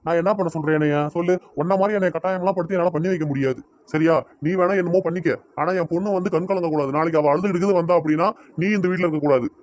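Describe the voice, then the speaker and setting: A man voicing a fast-arguing cartoon father. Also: a little high, a little mellow, no room sound, natural voice. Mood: heated. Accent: Tirunelveli Tamil. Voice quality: scolding, argumentative. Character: stubborn middle-aged father defending his daughter. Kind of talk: cartoon voice acting.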